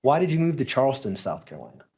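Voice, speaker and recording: A man's voice: mid-range voice, sing-song, racing, warm tone, slightly rough. A man working as a lawyer questions a witness in a courtroom, putting formal questions step by step.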